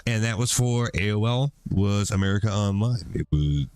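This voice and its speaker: A man's voice: lowish voice, animated, normal speed, darkish tone, clear, resonant tone, dry recording. A middle-aged man chatting casually while streaming a game, rambling and swearing offhand. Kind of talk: casual chat while gaming.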